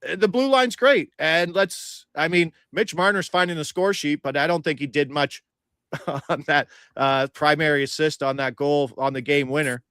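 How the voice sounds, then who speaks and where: A man's voice: fairly high pitch, bright, forceful tone, clean tone, dry recording, clean studio sound. Feisty sports betting host, man. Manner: feisty, argumentative, rapid-fire stats. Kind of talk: casual sports betting chat.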